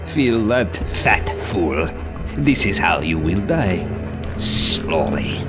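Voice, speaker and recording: A man playing a slow, sneering cruel colonel. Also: deep voice, big pitch swings, exaggerated voice. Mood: menacing. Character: menacing drug-crazed male colonel, cruel and gloating. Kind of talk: audiobook character reading. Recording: music playing behind.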